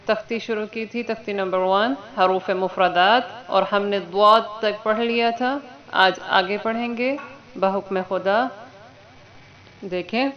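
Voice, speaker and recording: A woman teaching Quran letters to children online, drawing letters out slowly for students to repeat and checking in with them often. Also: medium pitch. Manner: patient, drawn-out letter recitation for repeating. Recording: dull lo-fi recording.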